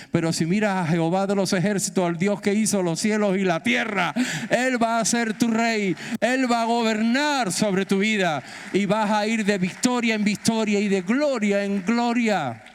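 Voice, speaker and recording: A middle-aged male pastor with a Peninsular Spanish accent exhorts his congregation, his fairly high voice surging into excited bursts. His sermon rings through a church hall with a long echo.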